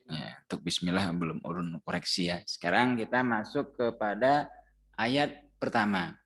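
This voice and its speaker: A man's voice: fairly low pitch, normal speed, a bit bright. A man with a Banjar Indonesian accent teaching a Ramadan Quran recitation class. He patiently chants verses as examples and quizzes his students.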